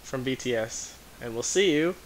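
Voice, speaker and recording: A man's voice: medium pitch, animated, moderate pace, a little hiss or hum. Breathless man giving a rambling reaction. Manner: rambling, full of "like" and "um". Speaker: music video reactor. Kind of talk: casual reaction commentary.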